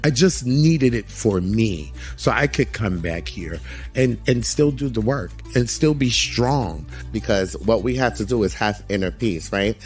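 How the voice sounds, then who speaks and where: A man speaking calmly and reflectively in a video segment. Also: on the low side, measured pace. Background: faint music.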